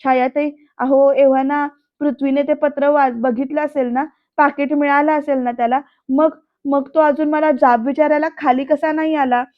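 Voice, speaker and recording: A woman's voice: high voice, little pitch movement, normal speed, hardly any pauses, highs cut off, close to an everyday voice. A woman voicing an anxious young wife asking worried questions. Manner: fretful questioning.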